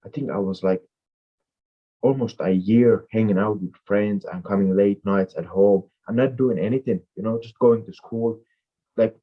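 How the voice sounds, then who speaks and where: Low-voiced guy in his 20s, finnish first language, rambles with lots of "like", muffled lo-fi call audio. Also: fairly even intonation, moderate pace. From Finland. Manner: rambling, filler-heavy with many "like"s. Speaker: MMA fighter guest. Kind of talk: casual interview answers.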